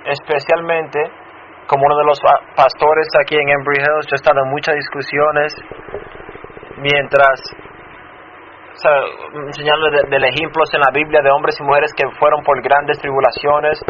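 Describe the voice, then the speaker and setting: Man pastor, sermon testimony, halting with restarts, muffled lo-fi sound, faint hiss. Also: on the high side, flat delivery. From Chicago, United States.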